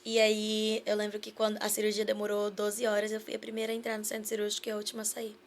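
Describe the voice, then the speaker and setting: A woman's voice: medium pitch, monotone, fast talker, a little hiss or hum. A woman with a Brazilian Portuguese accent, a podcast guest giving an earnest personal testimony and acting out remembered dialogue. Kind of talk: personal testimony in a casual interview.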